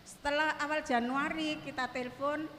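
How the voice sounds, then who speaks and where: Woman, Javanese accent, high pitch, halting speech, echoey hall, faint room noise. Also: fairly even intonation, a bit bright. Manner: halting, repeatedly addresses him as Gus. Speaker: audience member asking a question. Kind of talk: telling a personal story to a cleric.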